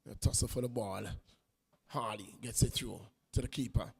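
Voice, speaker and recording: A man giving unhurried live play-by-play commentary on a women's football match, lifting his voice when play gets close to goal. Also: medium pitch, creaky, in a large hall, slight background noise. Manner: unhurried play-by-play, rising on attacks.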